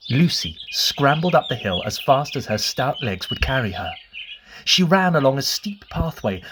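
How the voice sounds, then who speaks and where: There's background noise as a woman with a low voice reads a children's bedtime story. She leans into the drama, taking her time and lingering over words she repeats.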